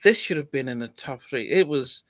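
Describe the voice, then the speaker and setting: A man's voice: medium pitch, expressive, normal speed, a bit bright, no echo. A man hosting a podcast, chatting casually about an album with lots of restarts. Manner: hesitant, many restarts and fillers. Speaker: podcast host. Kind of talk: casual music review chat.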